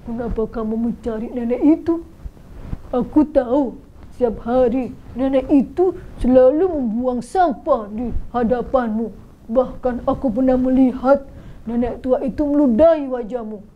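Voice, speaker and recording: A woman voicing a nosy female neighbor who questions in an emphatic, drawn-out way, on muffled radio audio. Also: sits high.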